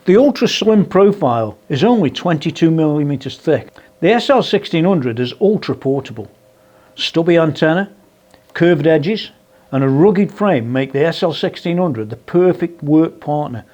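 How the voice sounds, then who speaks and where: A man presenting a product review in a measured, explanatory sales manner, partly scripted and partly off the cuff. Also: on the high side, animated, a little mellow, highs cut off.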